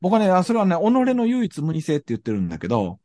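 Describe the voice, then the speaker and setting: Kansai man, lively rising-and-falling pitch, dry close sound, ponders as he talks. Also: fast, no room sound. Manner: thoughtful, searching for words. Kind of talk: reflective discussion.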